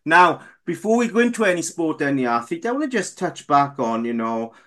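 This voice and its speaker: Male radio host, rambling chatty delivery, slightly high voice. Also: big pitch swings, a little fast, fairly bright tone. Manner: chatty, rambling with fillers and restarts. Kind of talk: casual radio chat.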